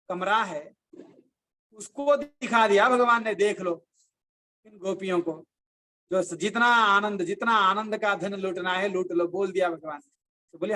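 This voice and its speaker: Man, high voice, devotional discourse, slow chanting of verses, lively storytelling. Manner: chants verses slowly, then explains them in animated storytelling. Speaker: religious teacher giving a discourse.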